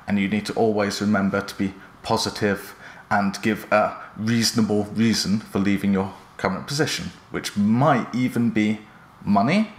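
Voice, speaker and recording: A man presenting instructional career advice in a measured, earnest, explanatory manner. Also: lowish voice. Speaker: presenter giving job interview advice. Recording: roomy echo around the voice.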